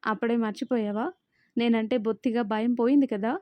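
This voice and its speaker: A woman's voice: fairly high pitch, fairly even intonation, a little fast, no room sound, muffled recording, natural voice. A woman voicing a domineering young husband who teases and gives orders, in an audiobook novel reading. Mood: stern. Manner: teasing, commanding.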